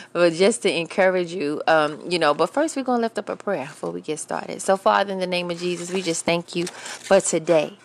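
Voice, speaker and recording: Gravelly-voiced, upbeat woman radio host. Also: lowish voice. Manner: lively, playful, and prone to laughing.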